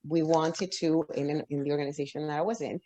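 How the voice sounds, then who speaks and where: A woman with a slightly low, warm voice is the guest author in an interview, speaking briskly in a steady tone. She gives long, reflective answers and thinks out loud, restarting phrases and leaning on lots of fillers as she works through each point.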